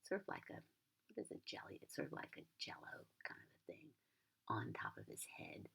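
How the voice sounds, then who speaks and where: A sweet old lady with an American accent reads a storybook in a low, very breathy voice that often drops to a whisper. She is a gentle grandmother who pauses for chatty asides to the child, and her intonation swings freely. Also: big pitch swings. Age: older. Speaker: grandmother reading a children's book.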